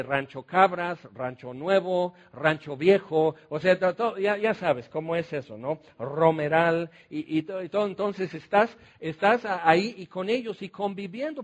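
Mexican pastor, man, high-pitched, animated anecdotal sermon style, quizzes the congregation. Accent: Mexican Spanish. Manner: animated storytelling, asks the congregation questions. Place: church.

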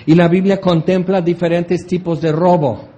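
A man teaching a Bible passage as a preacher, chatty and animated, often slipping into mock voices. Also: high-pitched, normal speed, muffled recording.

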